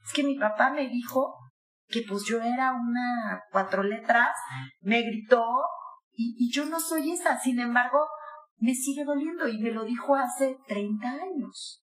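A woman in her sixties giving conversational advice as a guest, animated, acting out quoted voices. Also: a little high, unhurried. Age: 60s. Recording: echoey room.

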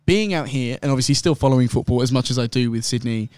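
A young man, guest host on a podcast, telling a long story in excitable, rambling casual chat full of fillers. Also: mid-range voice, quick pace, clear, resonant tone, no echo, clean studio sound. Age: young adult.

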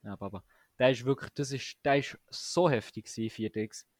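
A man's voice: mid-range voice, fairly quick, darkish tone, no echo, studio quality. A young man co-hosting a casual podcast chat, talking eagerly with slang and many restarts. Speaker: podcast co-host.

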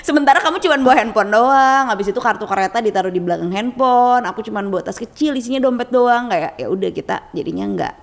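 A woman co-hosting a casual podcast chat, telling travel stories in a chatty, animated way. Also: on the high side, fast talker, creaky, hardly any pauses, big-room sound. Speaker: podcast co-host.

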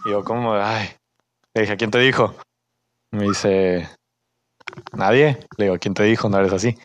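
Animated young Mexican man telling a story. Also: fairly low pitch, slight background noise. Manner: animated, acts out coworkers' lines in raised voices; uses Mexican slang. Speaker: podcast co-host telling a work story. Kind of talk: casual storytelling chat.

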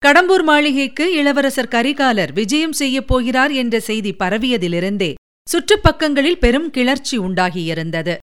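Clear-voiced woman narrating a novel. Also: sits high, fairly bright tone. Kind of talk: scripted narration of a historical novel.

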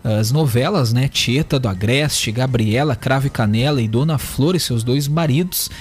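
A man hosting a radio show, reading out dated facts in a steady voice and padding sentences with small fillers. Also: medium pitch, moderate pace, breathy edge, soft background music. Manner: steady, fills with "né" and "aí". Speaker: radio show host reading history notes. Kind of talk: casual radio chat with read-out facts. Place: radio newsroom studio.

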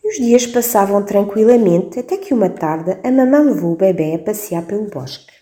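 A woman storyteller reading a children's story aloud on the radio in a lively, expressive way. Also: mid-range voice, normal speed. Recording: roomy echo.

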